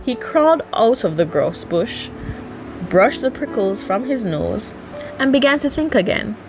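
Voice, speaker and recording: Lively high-voiced woman reading bedtime stories. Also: unhurried, over music, rough recording. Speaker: amateur audiobook narrator, author. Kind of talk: bedtime story narration.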